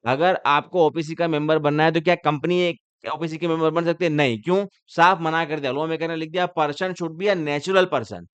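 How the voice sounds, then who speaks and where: A man's voice: on the high side, fairly even intonation, brisk, hardly any pauses, clear, resonant tone, no room sound. A man teaching company law in a joking lecture style, teasing the class and firing off rhetorical questions.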